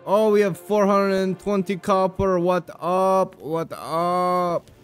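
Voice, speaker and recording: Guy doing a fake russian accent, broken english, brags a lot, drawls slow. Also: high-pitched, fairly even intonation, clear, resonant tone, soft background music, voice pushed up. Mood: musing. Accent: mock Russian. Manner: broken English, repeats phrases, brags and blusters. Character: boastful broken-English male gamer with mock Russian accent.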